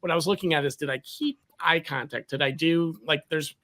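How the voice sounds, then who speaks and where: A man hosting a podcast in casual conversation, talking in an animated way. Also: on the high side, fairly quick. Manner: animated, talks with his hands. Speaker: podcast host.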